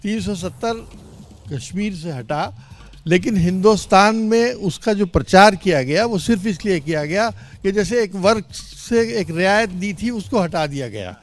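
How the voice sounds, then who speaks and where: Guy debating outdoors, high pitched, wants to finish his point. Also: lively intonation, measured pace. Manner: argumentative, insists on not being interrupted. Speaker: party spokesman in a debate.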